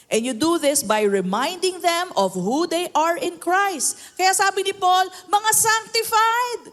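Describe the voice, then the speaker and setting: High-voiced Filipino woman preaching in a hall. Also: animated, measured pace. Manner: switches between Tagalog and English, asks the congregation for amens. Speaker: pastor. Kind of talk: sermon. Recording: long hall reverb.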